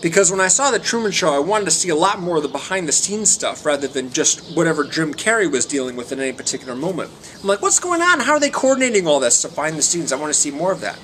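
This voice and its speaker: A man with a slightly high voice talks through a casual film review. He is hesitant and meandering, often searching for words and letting sentences trail away. Some background noise sits behind him. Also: animated, fast talker, a bit bright. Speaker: amateur movie reviewer.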